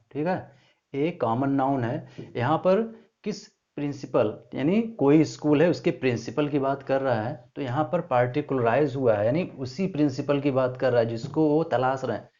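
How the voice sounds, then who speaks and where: A man teaching English grammar for an entrance exam, reading example sentences slowly, asking the class rhetorical questions and checking in often. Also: mid-range voice, dark tone. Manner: asks rhetorical questions of the students; repeats "ठीक है" as a check-in. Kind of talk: exam-prep grammar lesson. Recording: dull lo-fi sound.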